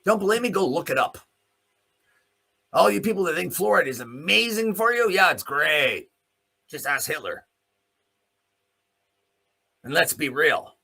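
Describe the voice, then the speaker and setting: This Canadian show host gives an opinionated, unscripted rant in a forceful, rough-edged voice whose pitch rises and falls with lots of animation. He takes his time and pauses often, staying blunt and sardonic, swearing and leaning on pointed rhetorical questions.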